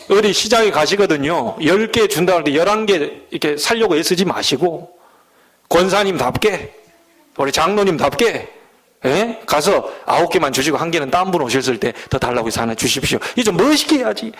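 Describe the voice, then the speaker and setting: A middle-aged man from the Jeolla region preaching a sermon as pastor, folksy, with loud emphatic peaks and low asides. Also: lively intonation, fairly quick. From Jeolla, Korea.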